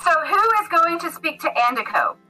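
A woman's voice: high voice, very animated, fairly quick, bright, forceful tone, faint music behind, poor audio. A woman narrating a tabletop game as game master, casual, with lots of fillers. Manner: casual, many fillers and restarts.

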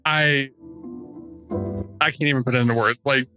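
A man co-hosting a podcast, giving opinionated conversational commentary in a frustrated, halting, emphatic way. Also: mid-range voice, steady tone, music in the background. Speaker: true crime podcast co-host.

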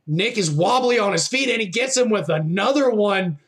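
A man calling wrestling play-by-play as an excitable commentator, exclaiming at big moves with informal, fan-like reactions. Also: high-pitched, normal speed, husky.

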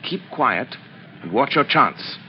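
An American actor playing a commanding, coolly confident gentleman crime-fighter in an old-time radio drama. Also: mid-range voice, very animated, slow pace. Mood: urgent, firm. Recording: muffled noisy vintage radio recording.

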